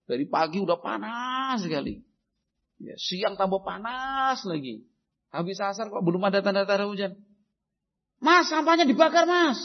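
Husky, gravelly-voiced preacher. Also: male voice, high voice, moderate pace. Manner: animated, acts out shouted parent and child exchanges. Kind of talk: Islamic parenting sermon. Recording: dull lo-fi recording.

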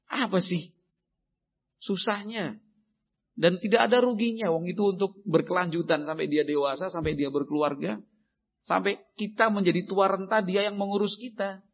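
Man, preacher, high voice, gravelly, husky, dull lo-fi sound. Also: moderate pace. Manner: animated, acts out shouted parent and child exchanges. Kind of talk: Islamic parenting sermon. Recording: dull lo-fi recording.

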